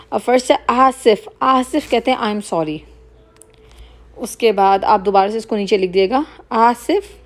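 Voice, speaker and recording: A woman teaching Arabic vocabulary, saying each word slowly, repeating it and explaining its meaning. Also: a little high. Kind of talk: slow explanatory lesson, mixing Hindi-Urdu and English.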